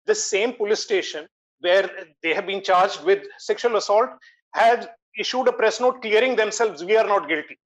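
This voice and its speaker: A dull, lo-fi recording of a man with an Indian accent and a notably high voice. He speaks earnestly and emphatically in a panel discussion, repeating phrases to drive them home. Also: moderate pace. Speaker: magazine editor, guest. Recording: dull, lo-fi voice link.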